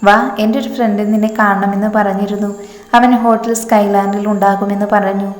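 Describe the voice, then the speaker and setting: A woman voicing a scheming, smooth-talking young man in a storybook reading, in a coaxing, manipulative way. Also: mid-range voice, flat delivery, a little fast, close to an everyday voice. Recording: echoey room with long reverb, faint music.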